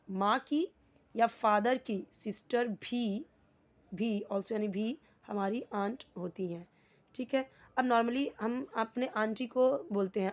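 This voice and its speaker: A woman teaching to Hindi speakers, reading sentences slowly and then explaining them word by word. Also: on the high side, dull audio. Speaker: English teacher. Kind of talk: explaining a lesson.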